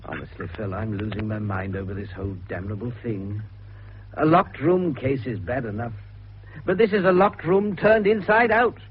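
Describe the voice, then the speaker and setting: An actor playing a harassed, irritable British police superintendent in a radio drama, with a brisk, emphatic, exasperated manner. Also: male voice, medium pitch, lively intonation, close to an everyday voice. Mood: weary, exasperated. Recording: muffled radio broadcast, faint noise.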